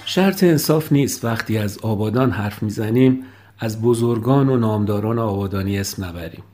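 Male podcast host, low voice, calm scripted narration with personal asides. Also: faint music behind.

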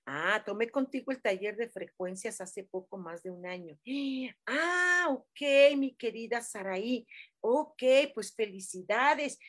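A woman's voice: a little high, lively intonation, slow pace. Chatty Mexican woman reading live comments. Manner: warm, chatty, many fillers, affectionate terms. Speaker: livestream host giving angel messages. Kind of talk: casual live-chat reading.

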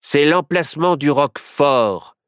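A man's voice: fairly high pitch, animated, slow pace, no echo, studio quality, pitched above the performer's own voice. A man voicing a stubborn, suspicious Wild West sheriff in a storybook reading, with a blunt, certain manner. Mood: gruff.

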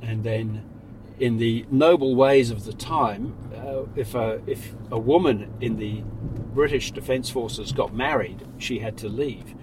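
A middle-aged man answers questions from the passenger seat in a measured, thoughtful way, and his voice sits in a middle pitch. His phrases often fade to a quiet close. A faint hum of the moving car runs underneath. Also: poor audio. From Sri Lanka, raised in New Zealand. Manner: reflective, measured, trailing off quietly. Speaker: interview guest. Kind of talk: casual interview in a car. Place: inside a car. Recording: faint road noise.

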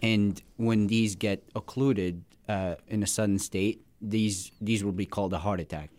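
A man in his thirties from Syria, a cardiologist guest explaining heart conditions in a measured way with frequent hesitations. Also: lowish voice, steady tone, darkish tone. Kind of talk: medical interview.

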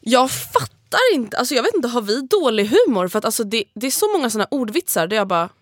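A young Swedish woman co-hosting a podcast in loose, fast chat. Her voice sits a little high. The recording is close and dry, with no room sound. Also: very animated, dry recording. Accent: Swedish, not Gothenburg dialect. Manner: quick, chatty, laughs easily. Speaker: podcast co-host.

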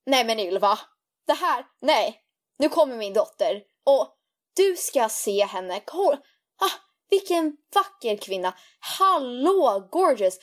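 A woman's voice: a little high, big pitch swings, pitched above the performer's own voice. A woman voicing a doting, gushing middle-aged mother who puts on an overly sweet, sing-song tone.

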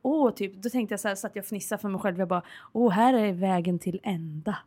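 A young woman co-hosting a casual podcast in a hot studio, bantering and teasing with quick interjections. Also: medium pitch, mellow, dry recording. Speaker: podcast co-host. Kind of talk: casual chat.

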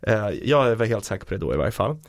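A man co-hosting a podcast in casual chat, telling jokes and stories with animated voice impressions. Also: vocal fry, no echo, studio quality. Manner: animated storyteller, mimics voices with big pitch jumps; fillers and restarts, joking. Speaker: podcast co-host.

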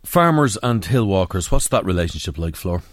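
A man's voice: deep voice, very animated, normal speed, no echo, studio quality. An Irish man presenting and interviewing on live radio.

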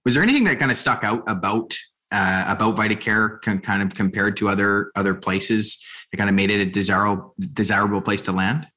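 A man's voice: fairly low pitch, a little fast, bright, forceful tone. A man hosting an interview, asking long rambling questions full of fillers. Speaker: interviewer host.

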